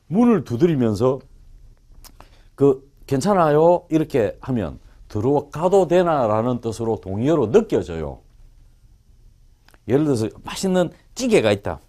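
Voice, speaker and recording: A man teaches English to students in a lecture room. His voice leaps around as he talks, playful and teasing. He keeps throwing quick questions at the class. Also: mid-range voice, slightly rough. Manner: animated and joking, quizzes the class.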